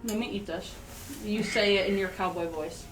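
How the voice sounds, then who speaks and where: A woman's voice: mid-range voice, steady tone, normal speed, distant mic. A woman narrating as game master of a tabletop game, casual, chatty and giggly. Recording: roomy, from the mic, faint music.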